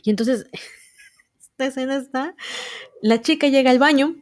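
A woman's voice: high voice, measured pace, no room sound, clean studio sound. A woman casually recapping a manga, chatty and explanatory, often checking in with the listener. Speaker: manga reviewer.

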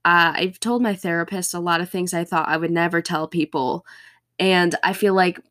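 A woman's voice: fairly low pitch, steady tone, moderate pace, fairly bright tone. A young woman hosting a casual solo podcast, speaking candidly, her voice a little thick and throaty, as if getting over swollen tonsils or a sore throat. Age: young adult. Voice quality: slightly altered voice after a bad sore throat, thick and throaty. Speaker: podcast host.

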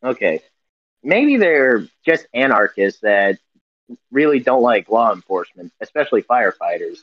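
A man co-hosting a casual podcast over a video call, reading out news headlines in a halting way full of fillers and self-corrections while his audio breaks up. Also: medium pitch, big pitch swings, dry recording. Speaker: podcast co-host. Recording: dull, muffled call audio.

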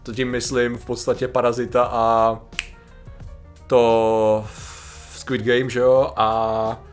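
Muž, spolumoderátor podcastu, v neformálním rozhovoru vtipkuje a často se směje. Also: male voice, mid-range voice, flat delivery, smooth, faint music behind. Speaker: podcast co-host. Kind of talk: casual chat.

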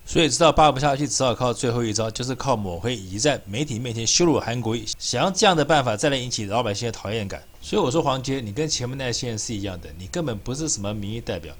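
Male commentator, rapid-fire sarcastic rant, mid-pitched. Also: expressive. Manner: sarcastic, scornful, rising to heated outbursts. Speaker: political commentator. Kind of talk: mocking political monologue.

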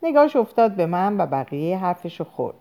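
A woman narrating a novel aloud in an expressive storytelling manner. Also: on the low side. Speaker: audiobook narrator. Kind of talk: scripted narration.

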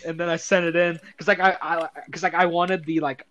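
A young man who writes songs, joking in casual podcast chat, halting and restarting his sentences. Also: a little high, level tone, a bit bright. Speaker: podcast co-host and songwriter.

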